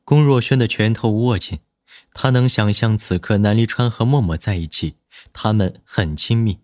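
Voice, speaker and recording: A man narrating a romance audiobook in an expressive, storytelling manner at a close studio mic. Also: fairly low pitch, moderate pace, dry recording. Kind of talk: scripted dramatic narration.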